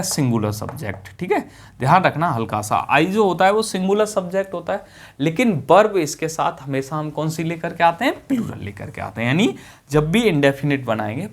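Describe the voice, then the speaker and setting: Guy teaching grammar class, keeps asking then answering his own questions, repeats stuff, slows way down when writing on the board. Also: high voice. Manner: asks questions and answers them himself, addresses students as "bhaiya" and "beta"; repeats key points, drawn-out words while writing on the board. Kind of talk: classroom-style grammar lesson.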